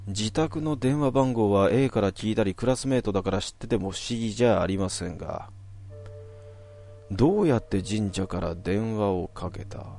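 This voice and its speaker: Man, horror story narration, measured, suspenseful, low voice, mellow dark tone. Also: vocal fry, soft background music.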